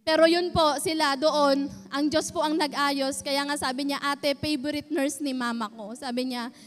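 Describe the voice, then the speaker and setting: A woman giving a nervous, halting, earnest personal testimony at a church service. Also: high-pitched, fairly even intonation. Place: church hall. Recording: reverberant church hall.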